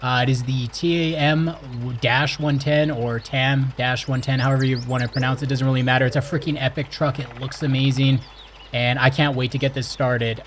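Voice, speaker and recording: A young man from Canada hosting his gaming channel, chatting excitedly and exclaiming as he plays. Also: medium pitch, a little hiss or hum. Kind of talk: casual game commentary.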